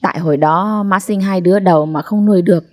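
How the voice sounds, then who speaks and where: A woman's voice: fairly low pitch, quick pace, darkish tone, lightly acted. Woman doing a chiding, plain-spoken mother. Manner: scolding, matter-of-fact. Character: plain-spoken mother, scolding but fond.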